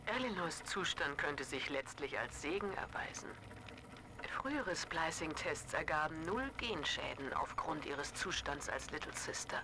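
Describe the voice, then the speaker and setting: A cold, calculating cult leader in a video game, lecturing in a measured tone. Her pitch rises and falls a lot. A steady hiss sits under the game audio. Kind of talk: German video game dub.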